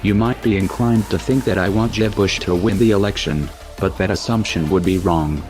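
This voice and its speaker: Man in a disguised deep voice. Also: a little mellow, soft background music. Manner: cold, measured, menacing. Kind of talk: scripted threatening statement.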